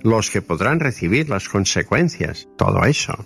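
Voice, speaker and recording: A man speaks in a deep, gravelly voice. He explains spiritual ideas slowly and earnestly, and faint music plays behind him. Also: very animated, fairly bright tone. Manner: slow, deliberate, earnest explaining. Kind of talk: reflective spiritual talk.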